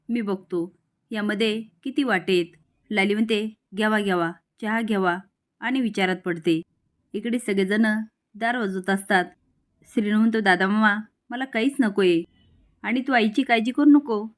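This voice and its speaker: Woman recapping a serial, even storyteller's delivery, mid-pitched. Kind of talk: reading out a serial recap, quoting each character.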